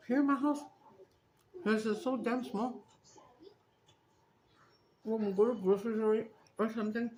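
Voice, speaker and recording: A woman's voice: medium pitch, a little hiss or hum, rough recording. A woman with a Chicano English accent chats casually and candidly to her viewers, rambling with some swearing and slipping between English and Spanish. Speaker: mukbang vlogger. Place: small dining and living room at home.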